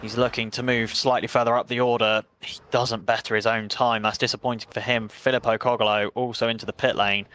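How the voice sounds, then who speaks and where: A man with an English accent giving brisk, chatty play-by-play commentary on a sim race, with self-mocking asides. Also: mid-range voice, level tone, a bit bright. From England.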